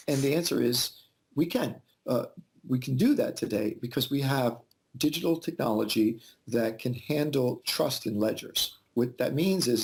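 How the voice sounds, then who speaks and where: A man in his forties, born in Yugoslavia, raised in the United States, and a native Albanian speaker, answers questions as a guest in a casual interview over a video call. He speaks thoughtfully at medium pitch with vocal fry, using frequent fillers and restarts.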